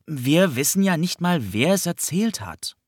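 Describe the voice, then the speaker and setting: A man's voice: a little high, big pitch swings, measured pace, breathy edge, dry recording, clean studio sound, voice pushed up, exaggerated voice. A man voicing an eager, chatty young schoolgirl who lists things in a singsong way. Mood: doubtful.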